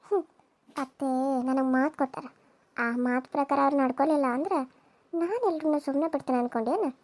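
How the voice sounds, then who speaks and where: A woman's voice: fairly quick, no echo, natural voice. A woman voicing a cruel, scheming young woman villain in a cartoon serial, with a sneering, menacing delivery. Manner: sneering, menacing, low and hushed.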